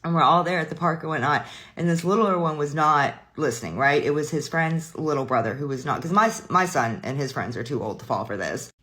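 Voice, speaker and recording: A man's voice: fairly high pitch, fairly quick, pushed and bright. A man in his thirties telling family stories in a casual, chatty way, laughing often. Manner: laughs often, chatty, lots of filler likes. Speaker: commentary host. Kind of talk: casual storytelling.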